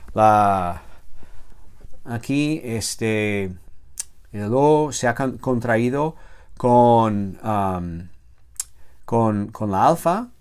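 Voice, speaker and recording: A man teaching a grammar lecture, slow and halting, with many self-corrections and filler sounds, drawing out the word forms he spells. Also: medium pitch. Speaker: theology teacher.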